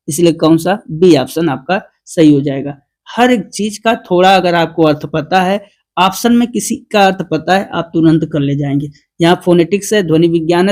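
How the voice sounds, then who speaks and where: The speaker is a teacher leading an exam-prep session online, with a medium-pitched, darkish voice. Quiz questions are read slowly and then explained, and the teacher frequently asks the class something before supplying the answer.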